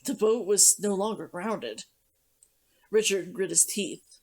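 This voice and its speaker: A woman reading a novel aloud as a streamer, narrating in an expressive, dramatic storytelling manner. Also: mid-range voice, slow. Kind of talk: audiobook-style story narration.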